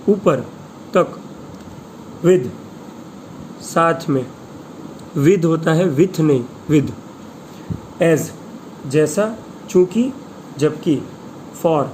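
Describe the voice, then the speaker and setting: A man teaching an English vocabulary list, reading each word and its Hindi meanings slowly and spelling some out letter by letter. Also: on the high side, warm tone, a little hiss or hum, low-quality recording. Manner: slow, deliberate, spells words letter by letter.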